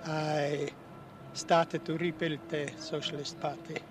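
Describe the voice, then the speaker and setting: A war veteran in his seventies, born in Austria, is interviewed outdoors at a public ceremony, recounting memories in an earnest, halting way. His slightly high voice has a level tone and is captured by a distant mic amid noticeable street noise.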